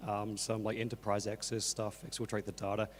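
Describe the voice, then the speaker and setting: Casting: New man, lowish croaky voice with creaky starts, casual hesitant presenter in a reverberant hall. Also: completely flat delivery, a little fast, slight background noise. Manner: casual, hesitant, many fillers such as "like". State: croaky from two days of talking. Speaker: conference speaker, workshop organiser. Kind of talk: informal stage presentation. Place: on stage in a conference hall. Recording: echoey hall, long reverb.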